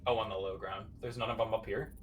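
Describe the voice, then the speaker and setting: A man playing a tabletop game, thinking out loud in a rambling, casual way. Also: fairly low pitch, steady tone, fast, a little hiss or hum, poor audio. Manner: rambling, talks through ideas with restarts. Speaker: player.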